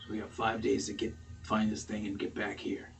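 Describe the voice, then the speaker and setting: A man's voice: fairly low pitch, monotone, a little fast, vocal fry, husky. A man playing a tabletop game, blunt and sarcastic, swearing often, heard on a distant mic with faint music. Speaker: player. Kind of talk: casual tabletop game banter.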